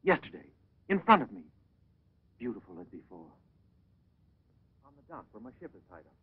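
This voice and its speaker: A man's voice: on the low side, very animated, normal speed, breathy edge, no room sound, full character voice. An actor playing an earnest young man searching for the woman he loves, apologetic and sincere, in an old English film dub. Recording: thin, phone-like old film soundtrack.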